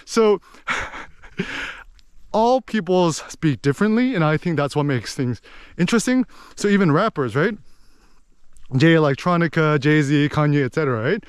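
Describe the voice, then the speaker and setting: A man talking in a casual, rambling way, full of "like" and "you know", animated as he explains things. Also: a little high, a little slow, pauses often, smooth, dry recording, studio quality. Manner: animated, slips into impressions of accents.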